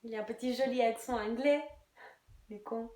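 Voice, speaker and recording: A woman's voice: fairly high pitch, moderate pace, mellow, echoey room, a little hiss or hum, close to an everyday voice. An actress playing a heartbroken, bitter Irish woman in a theatre monologue, crude and sardonic, sometimes dropping to a whisper. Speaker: actress in a one-woman show.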